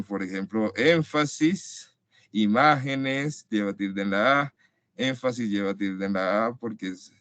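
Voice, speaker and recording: Patient teacher, low voice. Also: male voice, no room sound. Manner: patient, explanatory, many "entonces" and restarts. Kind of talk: online class lecture. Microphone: computer mic in a web conference. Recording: dry, slightly dull web-conference audio.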